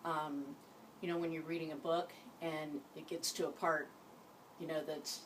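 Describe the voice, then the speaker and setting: A woman leading an informal guided hypnosis session, giving gentle instructions in a halting way. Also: low voice, flat delivery. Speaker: hypnosis practitioner. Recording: distant mic, faint background noise.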